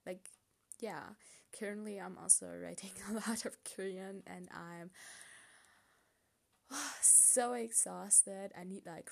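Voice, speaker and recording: Slow, gravelly young German woman. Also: on the low side. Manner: hesitant, rambling, laughs often, many fillers. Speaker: podcast host. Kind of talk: casual solo podcast talk.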